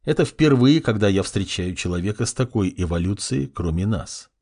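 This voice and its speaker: A man narrating a first-person adventure audiobook in a wry, expressive storytelling manner. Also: on the low side, moderate pace.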